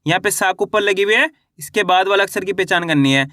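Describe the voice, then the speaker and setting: A man teaching young readers, slowly sounding out syllables one at a time and then blending them into whole words. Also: sits high, pushed and bright, dry recording, studio quality. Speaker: Hindi reading teacher. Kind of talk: slow syllable-by-syllable reading lesson.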